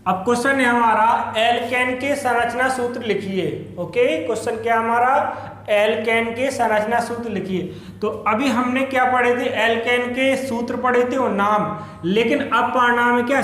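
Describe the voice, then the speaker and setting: A man's voice: extremely high pitch, fairly bright tone, roomy sound. A male chemistry teacher giving a classroom lecture who repeats each term and keeps asking his students to say it back. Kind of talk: classroom lecture with call-and-response questions.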